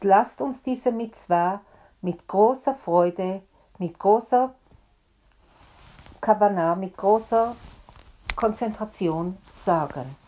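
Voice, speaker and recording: A woman's voice: mid-range voice, dark tone. A woman voicing a solemn male rabbi who speaks earnestly to his frightened congregation. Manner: earnest, slow and deliberate.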